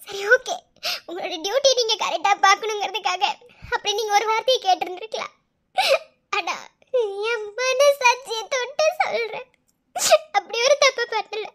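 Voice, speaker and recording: A woman's voice: extremely high pitch, a bit bright. A woman voicing a hurt, tearful young working woman in a cartoon, with a Madurai Tamil accent. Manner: pleading, tearful. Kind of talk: cartoon voice acting.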